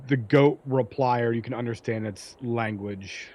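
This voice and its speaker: A man works as game master, improvising the story of a tabletop game. His voice sits at a middle pitch, and he narrates in a halting, conversational manner. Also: darkish tone.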